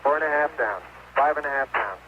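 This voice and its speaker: Briskly and in a medium pitch, a man aboard a lunar lander delivers short, no-nonsense radio callouts. Static and beeps run through the space transmission, leaving the recording noisy and flat.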